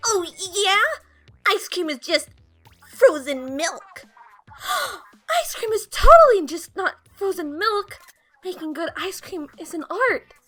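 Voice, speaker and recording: A woman's voice: extremely high pitch, sing-song, takes it slowly, sharp tone, faint music behind, full character voice. A woman voicing bubbly young pop-idol squid hosts in playful, slangy, teasing video game banter. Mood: teasing, argumentative.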